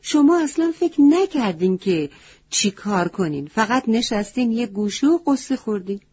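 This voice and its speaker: A woman's voice: a little high, big pitch swings, a little mellow, husky, voice pushed up. A woman voicing a wise goat in a children's storybook tale, lecturing the other animals firmly. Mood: scolding. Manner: lecturing, rising to a firm scold. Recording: dull lo-fi recording.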